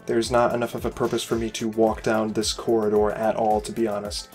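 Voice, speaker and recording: Low-ish, monotone and brisk, this man's husky, darkish voice carries over soft background music. A game station reviewer, tired and losing his voice, he rambles casually through a critique of a player-made space station, full of "you know" and "uh," critical while still encouraging.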